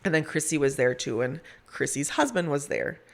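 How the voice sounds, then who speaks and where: A woman telling a personal story in conversation as a hospice nurse, in a heartfelt, emphatic way with drawn-out words. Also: low-pitched, expressive, vocal fry. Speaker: hospice nurse, podcast guest.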